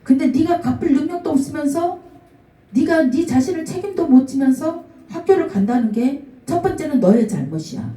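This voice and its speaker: In an echoing church sanctuary, captured by a distant microphone, a middle-aged woman pastor preaches in a high-pitched voice at normal speed. She tells stories of people she met, animatedly performing what they said.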